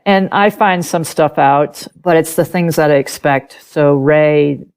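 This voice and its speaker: A middle-aged woman, a native German speaker, talks in a low, gravelly voice that remains deep and textured from start to finish. As an author appearing as a podcast guest, she shares her personal story at an unhurried pace, candid and animated, acting out past conversations and laughing often.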